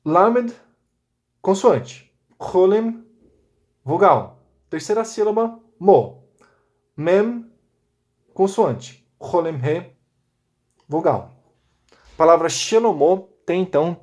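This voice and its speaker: A man's voice: on the high side, mellow. A man teaching a recorded lesson, explaining step by step in a patient, methodical way and often checking in with his listeners.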